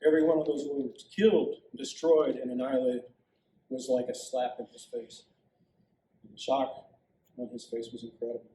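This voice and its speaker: A male pastor preaching a sermon as a dramatic story told in the first person, with lively asides as he voices the characters. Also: medium pitch, moderate pace, long pauses, a little hiss or hum. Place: church sanctuary. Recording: echoey church heard from a distance.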